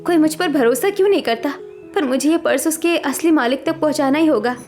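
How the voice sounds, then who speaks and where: A woman voices a poor but honest young woman in an animated story. She pleads earnestly in a high voice and keeps her speech plain and sincere. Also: fairly quick, faint music behind, natural voice. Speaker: cartoon character.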